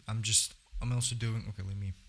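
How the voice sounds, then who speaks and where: A man's voice: fairly low pitch, level tone, a little fast, fairly bright tone. A man chatting casually on a livestream about beatbox technique, often breaking off mid-sentence to demonstrate sounds. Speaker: beatbox streamer.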